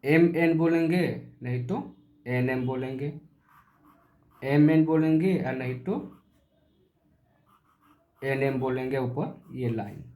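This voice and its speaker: A man teaching a primary school maths lesson, slowly repeating points and asking questions he answers himself. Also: medium pitch, a little mellow. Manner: slow, repetitive, asks and answers his own questions. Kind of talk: classroom video lesson. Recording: echoey room.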